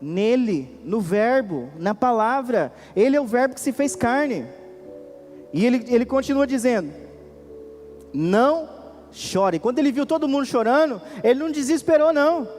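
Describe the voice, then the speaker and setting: A Brazilian man preaching a sermon as pastor, swinging between raised and hushed delivery and questioning the congregation. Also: very high voice, animated, moderate pace, in a large hall, soft background music. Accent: Brazilian Portuguese. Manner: preaching with sudden rises and drops, questioning the congregation. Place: church.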